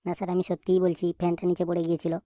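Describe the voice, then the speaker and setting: Guilty cartoon schoolboy, fearful and begging; woman voices him low-pitched, fast, dry sound. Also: monotone, warm tone, no room sound, lightly acted. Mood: pleading. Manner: stammering, pleading, fearful. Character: timid, guilty schoolboy who stole. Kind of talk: cartoon voice acting.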